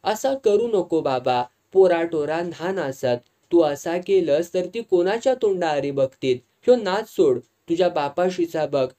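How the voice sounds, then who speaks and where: Reader doing a stern malvani village woman, firm and scolding, kinda dark low-key tone. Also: animated, unhurried, few pauses, natural voice. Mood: pleading. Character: stern middle-aged village woman, blunt and caring.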